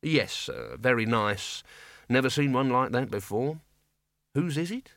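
A man's voice: mid-range voice, animated, measured pace, fairly bright tone, no echo, studio quality. A man voicing an old, fawning male servant who talks nervously, pleading and stammering in an audiobook reading. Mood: deferential.

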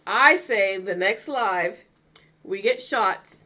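A woman's voice: medium pitch, takes it slowly, bright, forceful tone, a little hiss or hum. A teasing woman co-hosting a casual podcast, laughing as she talks. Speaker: podcast co-host. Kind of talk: casual chat.

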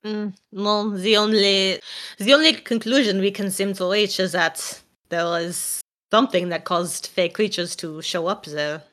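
A woman's voice: medium pitch, unhurried, a bit bright, close to an everyday voice. A woman doing a polite French-flavored adventurer. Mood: thoughtful. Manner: sprinkles French words, slightly broken English.

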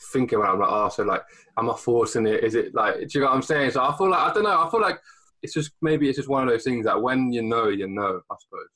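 A man's voice: fairly low pitch, sharp tone, low-quality recording. A young man hosting a casual podcast, thinking aloud in a rambling, hesitant way. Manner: rambling, hesitant, many fillers and restarts. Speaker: podcast host. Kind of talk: casual chat.

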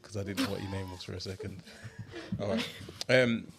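Gravelly young man asking questions. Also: deep voice, huge pitch swings, normal speed. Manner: hesitant, lots of ums, cheeky questions. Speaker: podcast co-host reading questions. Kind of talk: casual podcast questioning.

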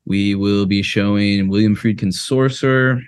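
A man's voice: fairly low pitch, fairly even intonation, a little slow, smooth. A man co-hosting a casual film podcast, loose and jokey, swearing and laughing as he talks. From American Midwest. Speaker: podcast co-host.

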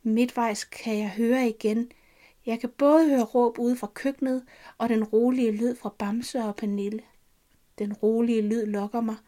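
Woman narrator, slightly high voice, soft and unhurried, reading her own story in the first person. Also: fairly even intonation.

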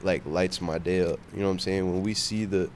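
A man's voice: low voice, steady tone, a little fast, a little hiss or hum. A man talking casually about faith in informal, slangy speech full of "bro". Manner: informal slangy talk, peppered with "bro" and "you know what I'm saying".

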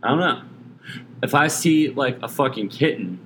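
A man's voice: mid-range voice, expressive, normal speed, fairly bright tone, a little hiss or hum, low-quality recording. A man co-hosting a podcast, joking bluntly and swearing freely in casual chat. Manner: profane, jokey, blunt. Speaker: podcast co-host.

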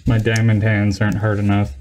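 A man's voice: on the low side, monotone, a little fast, darkish tone. A man hosting a podcast, joking in a laid-back casual chat with lots of fillers. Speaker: podcast host.

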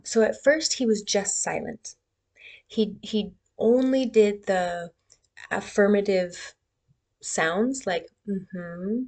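A woman speaks at an unhurried, deliberate pace in a medium-pitched voice. She offers gentle, casual advice straight to the camera, often stopping to restart a phrase. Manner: gentle, slow, with many restarts. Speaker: relationship advice vlogger.

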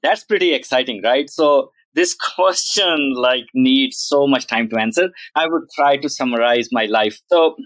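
A man's voice: medium pitch, a little slow, few pauses, fairly bright tone, no echo, low-quality recording. Earnest man, podcast guest, tag questions, dry, middle voice. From Pakistan. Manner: earnest, reflective, frequent "like" and "right?". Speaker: guest, journalism professor. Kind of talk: podcast interview storytelling.

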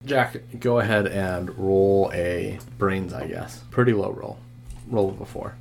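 Deep gravelly man running a tabletop game. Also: unhurried, darkish tone. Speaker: host and game master. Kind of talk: podcast hosting and improvised game narration.

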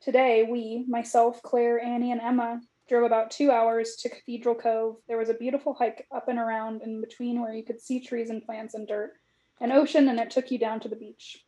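Woman in her thirties, fairly high and mellow, reflective journal reading with lots of "like" fillers. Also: level tone, normal speed. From California. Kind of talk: casual chat, reading aloud from old journals.

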